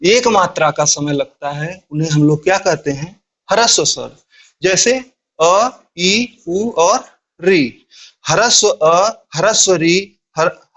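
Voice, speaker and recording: A man teaching a grammar class, explaining step by step in a slow, deliberate way and asking questions that he answers himself. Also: a little high, a bit bright. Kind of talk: Hindi grammar lesson.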